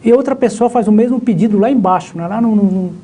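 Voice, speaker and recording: A man's voice: high voice, fast, warm tone. A male professor with a Brazilian Portuguese accent, explaining logistics in a live online class, rambling with many restarts. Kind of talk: live online lecture chat.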